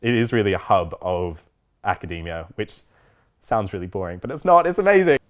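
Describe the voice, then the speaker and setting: Low-voiced young man. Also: lively intonation, a little fast. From Australia. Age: young adult. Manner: playful, enthusiastic storytelling. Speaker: university student. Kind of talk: casual interview testimony.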